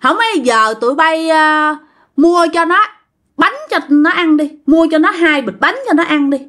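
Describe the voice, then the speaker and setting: A woman's voice: high voice, normal speed, fairly bright tone, pitched above the performer's own voice. A woman voicing a vengeful old male ghost who scolds coarsely and repeats himself. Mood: stern.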